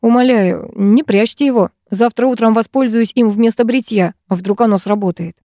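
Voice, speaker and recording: A cheerful, joking husband, as a woman reader puts him on, teasing in a lighthearted way. The voice is mellow and fairly high, recorded dry and close. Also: normal speed, no room sound, close to an everyday voice. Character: cheerful joking adult man, a detective husband. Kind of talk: audiobook character voice.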